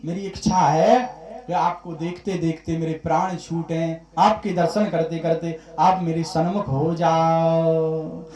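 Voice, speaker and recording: A man's voice: on the high side, flat delivery, slow, dark tone. A man preaching, voicing a humble, dying young male disciple who weeps and pleads weakly. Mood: weak pleading. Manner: weeping, pleading, weak. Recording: echoey hall.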